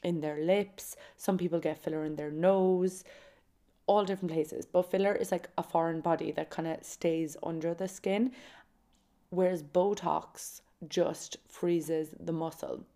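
Speaking a little slowly in a lowish, dark-toned voice with fairly even intonation, a woman in her twenties hosts a podcast. She's from County Kerry in southwest Ireland, and her solo chat is informal and confiding, built around personal stories.

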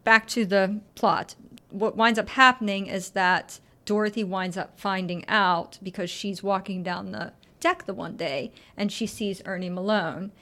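A woman podcast host chatting casually, retelling a film's scenes in an animated way and laughing often. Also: mid-range voice, unhurried. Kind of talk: casual film podcast chat.

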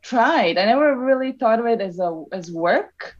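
A woman's voice: on the high side, expressive, normal speed, muffled recording. A woman from Serbia with a Serbian accent, chatting relaxedly as a podcast guest, with many ums and restarts. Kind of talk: casual interview chat.

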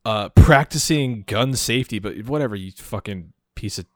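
A young man co-hosting a podcast, joking in a deadpan way and swearing a lot. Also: lowish voice, moderate pace, no room sound. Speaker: podcast co-host. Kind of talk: casual podcast chat.

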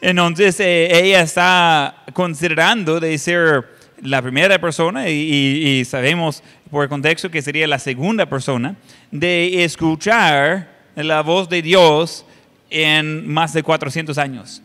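A male pastor giving a sermon and reading scripture, halting and conversational with many filler sounds. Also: a little high, steady tone, bright, forceful tone. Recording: long reverb of a hall.

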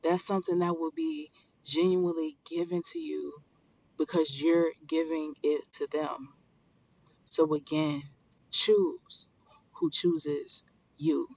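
A podcast host in their thirties speaks slowly, with a gravelly edge to the voice. The delivery is motivational and spiritual, earnest and emphatic, addressed straight to the listener. The recording is a little dull, with music underneath. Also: medium pitch, a little mellow. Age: 30s.

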